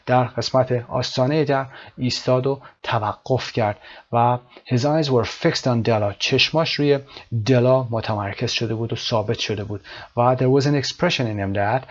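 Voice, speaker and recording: Guy teaching english, explains each word, kinda dull lo-fi sound. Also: medium pitch. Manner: explanatory, switches between English and Persian. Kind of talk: bilingual language lesson. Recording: slightly dull lo-fi recording.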